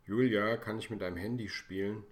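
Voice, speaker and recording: A man's voice: fairly low pitch, steady tone, a little fast, lightly acted. A man voicing a bored, whiny young boy in a read-aloud storybook, pleading and complaining.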